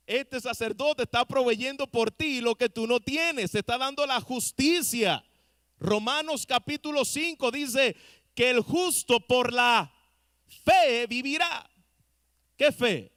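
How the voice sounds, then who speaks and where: His voice is very high and a bit bright, with lively intonation and a slow pace. Preaching a sermon as pastor in church, he addresses listeners directly and earnestly and poses rhetorical questions to the congregation, recorded in studio quality with no room sound.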